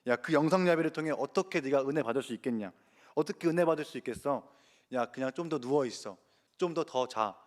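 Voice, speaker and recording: A man voicing a male devil who whispers lies in a casual, persuasive way, lower and softer than his preaching voice. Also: a little fast, natural voice. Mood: coaxing. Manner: casual, persuasive tempting talk.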